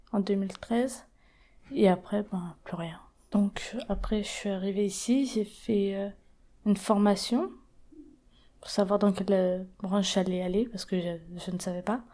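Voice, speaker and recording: A woman in her twenties from the Paris region of France gives documentary interview testimony. She answers questions plainly and hesitantly, with many fillers, in a mellow mid-range voice.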